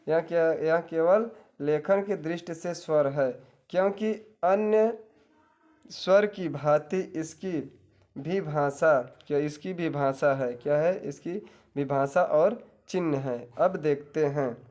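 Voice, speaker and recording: A man's voice: a little high, slow pace, a little mellow. A man teaching an exam-prep grammar lesson, asking questions and answering them himself, and telling viewers to take notes.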